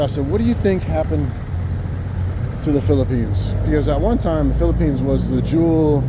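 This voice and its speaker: Male American vlogger, slightly higher-pitched, informal musing while walking a city street, clear traffic noise behind. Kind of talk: casual walk-and-talk monologue. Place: outdoors on a city sidewalk, walking. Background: passing cars and trucks.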